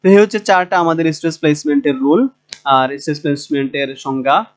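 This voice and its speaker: A man with a Bangladeshi Bengali accent giving a recorded linguistics lecture, drawing out example words slowly and pausing with fillers. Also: a little high. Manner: slow, drawn-out sounding of example words with hesitant fillers.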